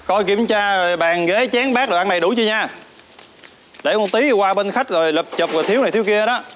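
An actor playing a blunt, mocking young caterer with a Southern Vietnamese accent. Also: male voice, sits high, brisk, fairly bright tone, a little hiss or hum. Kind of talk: web drama acting.

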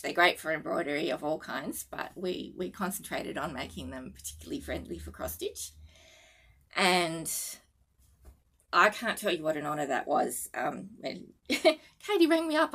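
A mid-range, fairly bright voice belongs to a middle-aged Australian woman, a needlework designer and vlogger, chatting to camera at home in her living room. She's sleep-deprived and a touch nervous, so she giggles often and leans on fillers and restarts.

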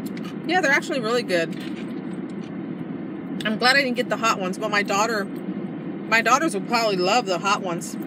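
A woman's voice: mid-range voice, normal speed, long pauses. A middle-aged woman chatting casually to her viewers while chewing mid-sentence, rambling and friendly in tone. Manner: chatty, rambling, talks to viewers as "you guys". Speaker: vlogger. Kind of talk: casual haul and taste-test vlog. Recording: distant mic with loud outdoor noise.

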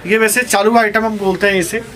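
A man who owns a jeans shop, giving a sales pitch and listing prices, fabrics and sizes as he shows each item. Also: fairly even intonation, fairly quick, a bit bright, a little hiss or hum. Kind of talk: sales pitch showing products. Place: garment shop.

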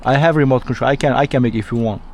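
Rapid-fire speech in a medium-pitched, darkish voice comes from a locksmith from Turkey with a Turkish accent. He chats casually with a customer while working on their vehicle, repeating himself a lot, and vehicle noise fills the recording.

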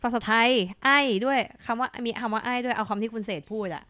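A woman's voice: fairly high pitch, steady tone, fast, pushed and bright, clear, resonant tone, no room sound. A woman co-hosting a casual live-stream chat, chatty, reading viewer comments aloud. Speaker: co-host.

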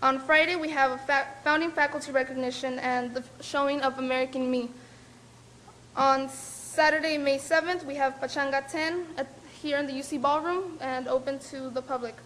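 A young woman with a high, light voice reads a formal introduction from notes to a lecture audience. Her delivery is careful and measured, with a few small slips along the way. A faint hiss of noise sits under her voice. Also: fairly even intonation, fairly bright tone. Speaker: student event organizer introducing a speaker. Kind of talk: reading a prepared introduction.

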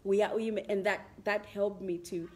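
A woman's voice: mid-range voice, little pitch movement, moderate pace, a little mellow. A woman hosting a casual interview chat, laughing often and mixing Shona words into her English. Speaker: host.

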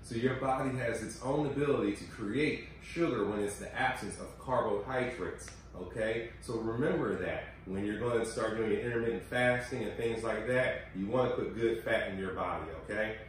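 A man's voice: fairly low pitch, normal speed, hardly any pauses, slight background noise. A man in his forties hosting a casual cooking demonstration in a home kitchen, chatty and coaching as he gives health tips. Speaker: cooking show host. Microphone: far camera mic. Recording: echoey kitchen from far off.

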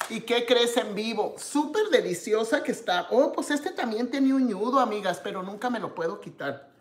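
A woman's voice: a little high, animated, moderate pace, echoey room, a little hiss or hum. A woman from Mexico hosting a live cooking stream, tasting her dish with contented hums and greeting viewers by name. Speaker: cooking show host.

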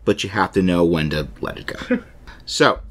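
A man co-hosting a podcast, talking casually and explaining at length. His voice sits fairly low, but it moves a lot up and down. He is chatty and often restarts his sentences mid-thought. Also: animated, normal speed. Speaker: podcast co-host. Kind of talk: casual chat.

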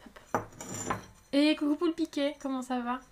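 A woman who works as a potter, chatting excitably on a live stream while she works and apologizing often. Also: high-pitched, moderate pace, background noise. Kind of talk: casual live-stream chat.

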